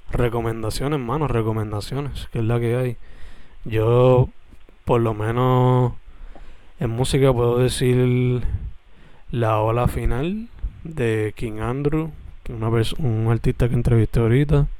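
Easygoing man, smooth voice. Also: mid-range voice, steady tone, measured pace, dark tone, dry recording. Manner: easygoing, mixes in English words. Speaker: podcast co-host. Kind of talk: casual chat.

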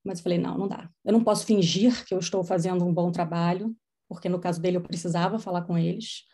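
A woman's voice: lowish voice, fast, husky. A middle-aged woman psychologist telling stories from her practice in a podcast conversation, acting out what people said. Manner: storytelling, animated quoting of others. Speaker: child psychologist.

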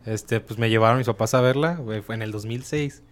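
A young man with a Mexican Spanish accent spins anecdotes in a loose, casual chat. He acts out the people in his stories, and his voice sits at a middle pitch. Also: brisk. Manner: animated storyteller, acts out quoted people, laughs often.

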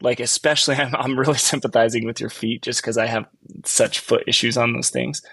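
Husky-voiced man hosting a chat. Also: mid-range voice, fairly quick, no echo. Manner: relaxed, thinks aloud, many "like"s. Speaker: podcast host. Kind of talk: casual interview.

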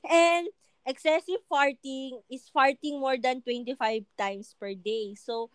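A woman in casual chat, teasing her friend and reacting quickly with laughter. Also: sits high, steady tone, smooth, no room sound. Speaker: co-host.

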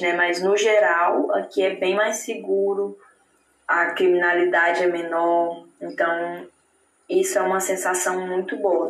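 Interviewee: chatty woman from northern Brazil, low-pitched, echoey room. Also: a bit bright. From Tocantins, northern Brazil. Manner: chatty, many "né?" tags. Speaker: interviewee living in Germany. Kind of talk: casual interview chat.

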